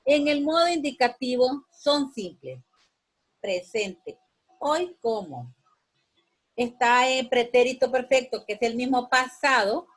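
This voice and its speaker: Recorded with poor audio, this sixth-grade classroom lesson features a woman with a fairly high pitch who takes her time. She patiently restates each point and gives directions to her students.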